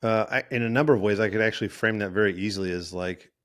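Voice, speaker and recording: Rambling, self-correcting man, fairly low voice. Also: quick pace, a bit bright. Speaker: podcast host and therapist. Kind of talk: casual monologue.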